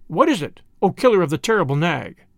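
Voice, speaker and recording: A man reading aloud and voicing an excitable, feather-brained little male songbird in a gushing, sing-song way. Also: a little high, a little fast, gravelly, no room sound, studio quality, full character voice.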